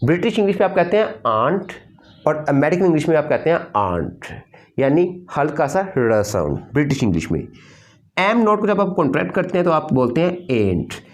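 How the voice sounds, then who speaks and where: A man's voice: on the high side, sing-song, brisk. A man teaching an English grammar lesson, explaining patiently and repeating key points.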